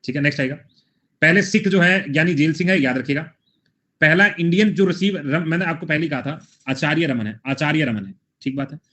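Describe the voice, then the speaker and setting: A man's voice: a little high, a little fast, pushed and bright. Hindi man teaching a quiz-style class. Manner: drills mnemonics with repetition, addresses students as brothers. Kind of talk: live online GK class.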